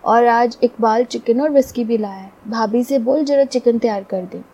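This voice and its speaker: A woman voicing a loud, coaxing male landlord. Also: on the high side, normal speed, breathy edge, highs cut off. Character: pushy male landlord, brash gambling buddy.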